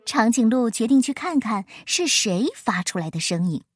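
A woman reading a children's picture book aloud in a playful, expressive way, her voice rising and falling with the story. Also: a little high, moderate pace, breathy edge, no room sound, studio quality.

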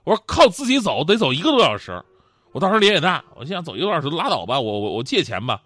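A man's voice: fairly high pitch, very animated, fast talker, fairly bright tone, no echo. A man hosting a talk show, telling a humorous story in a chatty manner that often stammers and repeats words.

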